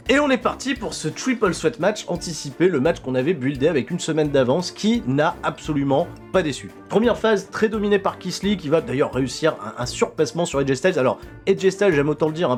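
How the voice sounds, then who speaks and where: A man casually recapping a wrestling show with a jokey, animated delivery, now and then mimicking the wrestlers. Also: a little high, fairly quick, few pauses, faint music behind.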